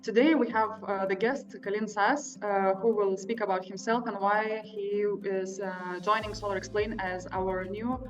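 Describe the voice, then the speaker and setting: A woman's voice: mid-range voice, fairly even intonation, a little slow, few pauses, soft background music. A woman hosting an interview, introducing a guest and asking questions in a hesitant way. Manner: hesitant, with fillers. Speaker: interview host. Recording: dull lo-fi recording.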